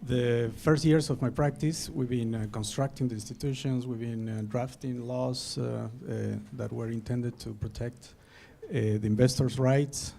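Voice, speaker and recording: A man's voice: medium pitch, fairly even intonation, unhurried, creaky, mellow, slight background noise. A middle-aged man from Bolivia, a law professor and panelist, speaking hesitantly with many fillers. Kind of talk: panel presentation.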